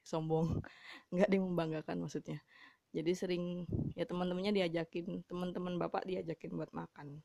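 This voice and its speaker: Young javanese woman doing a solo podcast, low-ish voice, blunt and chatty, dry close mic. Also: flat delivery, normal speed, vocal fry, warm tone, no room sound. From Java, Indonesia. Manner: blunt, chatty, laughs often, frequent fillers. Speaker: podcast host. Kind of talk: casual solo podcast monologue.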